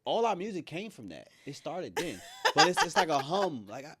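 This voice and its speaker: A man's voice: on the high side, very animated, moderate pace, pushed and bright, a little hiss or hum. A man hosting a podcast, chatting casually and rambling, laughing often as he talks. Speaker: podcast host. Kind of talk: casual interview chat.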